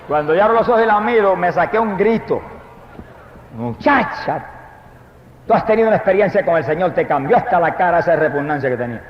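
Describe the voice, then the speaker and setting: Fervent high-voiced man preaching in echoey hall. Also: very fast, hardly any pauses, a little hiss or hum. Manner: fervent, bursts into loud praise. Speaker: preacher giving a testimony. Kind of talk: testimony sermon. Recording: echoey, dull lo-fi hall recording.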